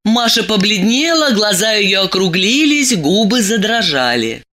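A woman narrating an audiobook story in a lively, expressive way. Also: mid-range voice, a little slow.

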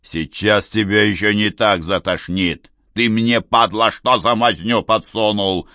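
A man's voice: lowish voice, fairly even intonation, unhurried, bright, forceful tone, no room sound, studio quality. A male narrator voicing a crude, growling male racketeer in an audiobook. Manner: growling, rude. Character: rough red-haired male racketeer, crude. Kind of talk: audiobook character voice.

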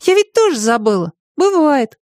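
A woman voicing a bold, perceptive young girl in an audiobook, speaking high and cheerfully. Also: very animated, moderate pace, a little mellow, no echo, clean studio sound.

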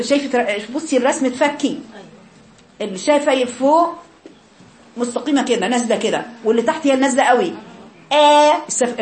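A woman's voice: on the high side, darkish tone, echoey room. An Egyptian woman teaching a Quran recitation lesson, speaking to her girl students and demonstrating the sounds herself. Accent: Egyptian Arabic.

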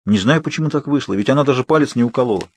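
A man's voice: medium pitch, animated, rapid-fire, husky, no room sound. A man reading the lines of a worried, shaky teenage boy. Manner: anxious, shaky.

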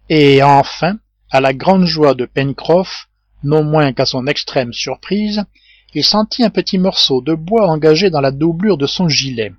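A man narrating a classic novel as an audiobook reader, in a measured literary way. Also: mid-range voice, no room sound, lo-fi sound. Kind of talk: scripted narration.

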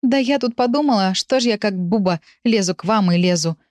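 Storybook neighbor: timid, apologetic woman, pitched higher, read by a woman narrator. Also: sing-song, normal speed, a little mellow, no room sound. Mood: sheepish.

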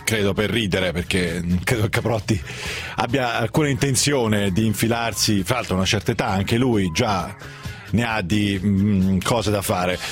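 A man hosting a radio phone-in in a conversational style, questioning and interjecting. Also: fairly low pitch.

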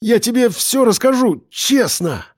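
A man's voice: very high voice, very animated, measured pace, voice pushed up, full character voice. A man voicing a panicky male cop who stammers and pleads at gunpoint. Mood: pleading.

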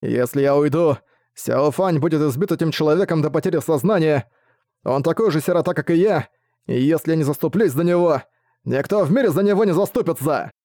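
A man's voice: fairly high pitch, a little fast, warm tone, no echo, clean studio sound, lightly acted. A man voicing a fierce, loyal young male disciple standing up for a friend. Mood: defiant. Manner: fierce, protective.

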